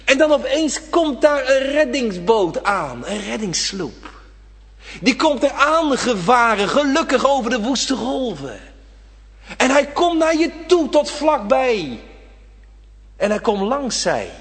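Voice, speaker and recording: A man preaching a sermon, impassioned, swinging from loud appeals to hushed whispers, in a church. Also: extremely high pitch, very animated, slow, breathy edge. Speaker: pastor. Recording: reverberant church hall.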